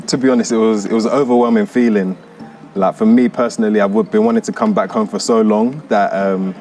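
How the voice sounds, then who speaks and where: A man answering interview questions in an earnest, measured way, with frequent fillers. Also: on the low side, a little mellow. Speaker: interview guest. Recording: distant mic with background noise.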